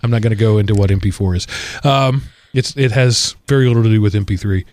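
A man hosts a podcast in casual conversation, his voice on the low side, a little mellow, and quick, with no echo. He rambles through asides and restarts, leaning on wry, self-deprecating humor.

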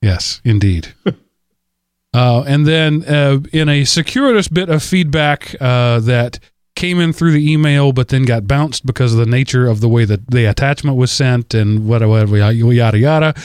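A man hosting a podcast, chatting casually and rambling with fillers and quick laughs. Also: medium pitch, darkish tone, clean tone, no room sound, studio quality. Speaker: podcast host. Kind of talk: casual chat.

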